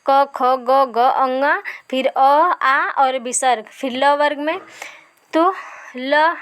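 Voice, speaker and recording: A woman teacher giving an exam revision lesson. She asks her own questions, answers them, and keeps checking in with "ठीक है". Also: high voice.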